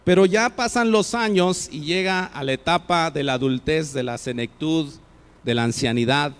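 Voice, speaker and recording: Mexican pastor preaching in a hall. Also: male voice, a little high, moderate pace, clean tone. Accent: Mexican Spanish. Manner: acts out example phrases with shifting tone. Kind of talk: sermon. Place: church hall.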